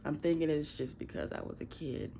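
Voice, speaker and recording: Woman, low gravelly voice, groggy, blunt and profane, rambling vlog, faint room hiss. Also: animated, a little fast, mellow. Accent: Midwestern American. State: groggy morning voice. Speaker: vlogger. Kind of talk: casual late-night vlog. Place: bedroom at night.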